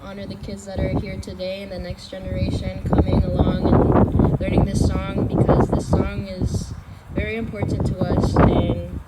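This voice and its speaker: A woman's voice: medium pitch, flat delivery, normal speed. A woman with a mid-range voice earnestly explains the meaning of a song before singing it. She speaks outdoors at a public event. Heavy traffic noise fills the background. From Canada. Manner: earnest, heartfelt, with fillers. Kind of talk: telling the story behind a song.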